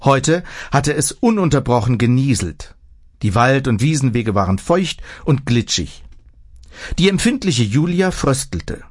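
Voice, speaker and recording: A man narrating a story aloud in a measured, expressive way. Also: mid-range voice, no echo, clean studio sound.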